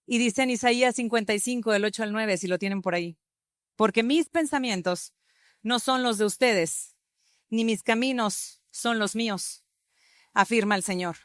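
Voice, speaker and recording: Predicadora con acento mexicano, voz algo aguda, sermón animado, sonido seco y cercano. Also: female voice, fairly high pitch, normal speed, no echo, clean studio sound. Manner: animated, acts out voices of God and sinners. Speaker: preacher. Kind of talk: sermon.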